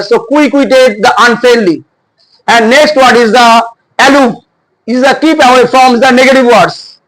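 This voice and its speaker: Man, very high voice, grammar lesson, halting and repetitive delivery. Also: fairly bright tone, low-quality recording. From India. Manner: halting, repetitive phrasing with self-corrections. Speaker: English teacher. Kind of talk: spoken English lesson.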